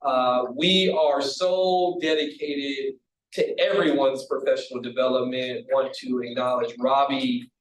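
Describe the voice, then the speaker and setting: A man chairing a college council meeting, relaxed and joking between agenda items. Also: medium pitch, unhurried. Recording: echoey room from far off, faint hiss.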